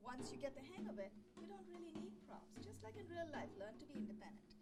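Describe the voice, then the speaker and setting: A woman hosting a yoga show in a TV studio, chatting warmly and encouraging viewers, laughing easily. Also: high voice, sing-song, fast talker, far from the mic, over loud music. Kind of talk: friendly studio chat.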